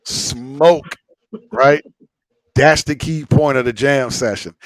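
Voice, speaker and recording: A man's voice: mid-range voice, slow, dry recording. A man hosting a casual livestream chat, rambling and repeating himself with slang and frequent swearing. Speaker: host of a live smoke-session stream.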